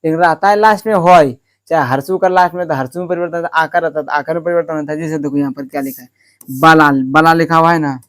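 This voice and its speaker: A man with a slightly raised voice teaches in a patient classroom manner. He asks questions and answers them himself, and checks in again and again. He draws words out slowly to model how they sound. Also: on the high side, steady tone, fairly bright tone. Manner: stretches words out slowly to show pronunciation. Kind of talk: classroom-style lesson.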